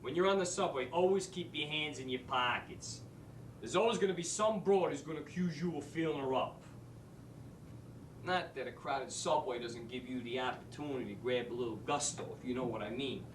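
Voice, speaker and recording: An actor playing a brash, wisecracking New street-smarts teacher in a stage monologue. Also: male voice, medium pitch, brisk, a little hiss or hum, close to an everyday voice. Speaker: actor in a drama school showcase monologue. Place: theater stage. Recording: echoey stage from a distant mic.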